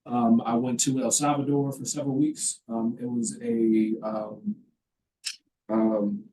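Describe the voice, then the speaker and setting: A man's voice: mid-range voice, level tone, slow, dark tone, breathy edge, poor audio. A man hosting a campus talk, telling a story in a casual way, full of ums and restarts. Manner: hesitant, many ums and restarts.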